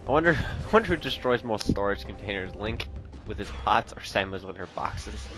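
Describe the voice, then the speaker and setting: A man's voice: lowish voice, lively intonation, fairly quick, a bit bright, soft background music. A man casually commenting on a video game with a friend, playful and joking. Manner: chatty, playful, joking asides. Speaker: let's play commentator.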